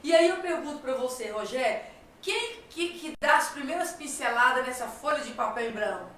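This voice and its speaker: Hosting a conversational advice talk show, this Brazilian woman speaks Brazilian Portuguese emphatically, repeating phrases and posing rhetorical questions. Her high, fairly bright voice has lively intonation at a moderate pace. She sounds distant in an echoey room, with a little hiss or hum.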